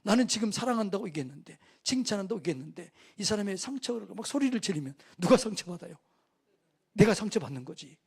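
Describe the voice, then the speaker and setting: Male revival preacher, high husky voice, quizzes his congregation. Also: lively intonation, fast talker, darkish tone. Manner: call-and-response preaching, asks the congregation questions. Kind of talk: sermon. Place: church.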